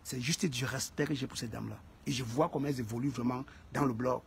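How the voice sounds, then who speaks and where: A man's voice: medium pitch, fairly even intonation, fast talker, vocal fry, slight background noise. A man hosting a casual live stream, greeting viewers by name and repeating phrases for emphasis.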